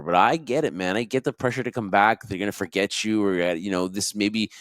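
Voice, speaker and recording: A man co-hosting a podcast, chatting casually about wrestling in a rambling, animated way. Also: low-pitched, dry recording, clean studio sound. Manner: animated, rambling, laughs often. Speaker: podcast co-host.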